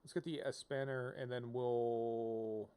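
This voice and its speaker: A man with a smooth, warm, mid-range voice speaks at a slow pace and in a steady tone. He's streaming a video game and commentating casually, rambling and thinking aloud as he reads the options out.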